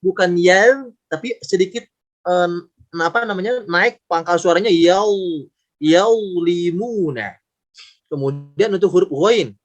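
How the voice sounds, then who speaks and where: High-voiced man teaching recitation patiently. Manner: patient, demonstrates sounds slowly and repeats them. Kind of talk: online tajweed lesson. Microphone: video call.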